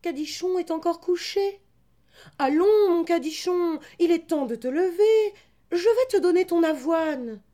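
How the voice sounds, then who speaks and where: A woman playing a tender-hearted little boy in a story, speaking in a shrill, tearful, pleading way. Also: unhurried, warm tone. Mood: coaxing.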